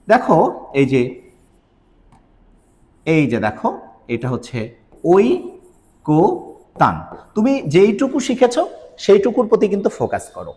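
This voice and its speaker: A man's voice: a little high, a little mellow, big-room sound. A man teaching pronunciation rules, explaining step by step and quizzing his students. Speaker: Bangla grammar teacher. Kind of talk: recorded video lesson.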